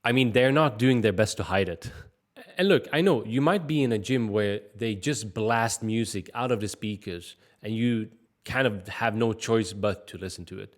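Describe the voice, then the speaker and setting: A man's voice: mid-range voice, a little fast. A man from Sweden, giving direct, conversational advice in a casual fitness vlog. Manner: direct, conversational, frequent "like" and "I mean" fillers. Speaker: fitness vlogger.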